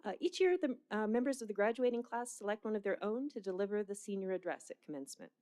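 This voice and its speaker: A woman's voice: medium pitch, darkish tone. Woman presenting at a graduation ceremony. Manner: reads with small hesitations. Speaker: commencement presenter. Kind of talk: ceremony announcements.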